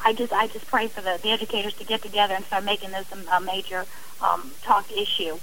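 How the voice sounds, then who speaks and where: A middle-aged woman with a medium-pitched, gravelly, slightly bright voice talks fast as a radio guest who advocates against domestic violence. Her answers are earnest, passionate, long and emphatic, and the hissy recording is low quality.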